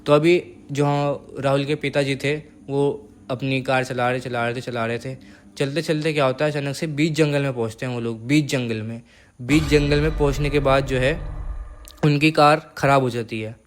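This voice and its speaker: A young man casually telling a horror story, repeating phrases for suspense and dropping his voice to a hush. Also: mid-range voice, fairly even intonation, normal speed, slight background noise.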